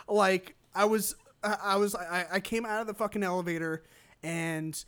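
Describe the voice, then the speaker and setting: A man's voice: high-pitched, steady tone, moderate pace, a bit bright, smooth. A young man co-hosting a podcast in casual chat, rambling and stammering with frequent laughs and casual swearing. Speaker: podcast co-host.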